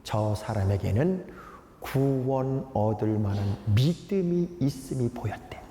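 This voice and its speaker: A Korean pastor in his sixties, a man, preaching a sermon with lively humorous storytelling. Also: medium pitch, measured pace. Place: large church sanctuary. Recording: echoey church hall, faint noise.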